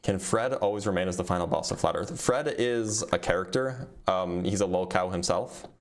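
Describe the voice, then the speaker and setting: Deep-voiced and speaking at a moderate pace, a male physicist on a relaxed livestream reads out questions from viewers. He gives plain answers, saying um a lot, while he begins losing his voice.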